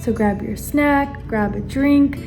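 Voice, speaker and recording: Doing her makeup for a casual get-ready-with-me chat, a woman in her early twenties talks earnestly to the camera, which she watches like a mirror. Ukrainian-born and US-raised, she's a stay-at-home mom. She speaks at a fairly high pitch and slow pace, with music playing in the background.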